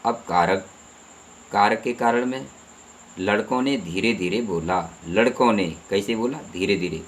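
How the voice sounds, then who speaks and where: A man's voice: fairly low pitch, a little slow, slight background noise, rough recording. A man teaching a Hindi grammar lesson, repeating terms and asking the listener rhetorical questions.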